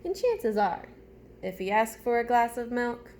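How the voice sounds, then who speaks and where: A woman's voice: fairly high pitch, very animated, a little slow, darkish tone, a little hiss or hum. A woman teacher reading a storybook aloud to young children, chatting to them directly with simple questions and step-by-step prompts.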